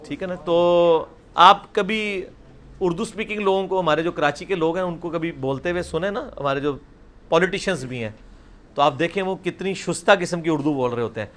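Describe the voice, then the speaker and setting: High-voiced man teaching. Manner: drills letters by repeating them loudly, mixing Punjabi into Urdu. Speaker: religious teacher. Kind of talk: live Quranic pronunciation class.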